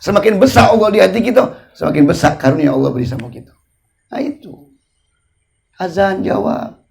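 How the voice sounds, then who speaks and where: A man's voice: high-pitched, lively intonation, fast talker, gravelly, a little mellow. A man preaching with a Palembang accent, joking in a colloquial sermon and drawing out chanted invocations to God. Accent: Palembang Malay. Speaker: ustadz preacher. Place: religious study gathering.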